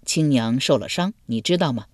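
A woman narrator voicing a guarded young male swordsman who answers in short, flat replies. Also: extremely low pitch, moderate pace, no echo, studio quality.

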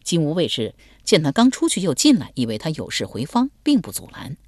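Expressive woman reading an audiobook. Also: deep voice, a little fast, no room sound, clean studio sound. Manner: expressive storytelling cadence. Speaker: audiobook narrator. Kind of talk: storytelling narration of a historical novel.

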